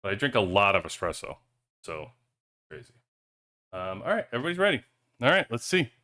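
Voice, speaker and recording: Brisk and very animated, this livestream host has a lowish voice with a bright, forceful tone. He rambles through casual chat and jokes, speaking into a cheap headset.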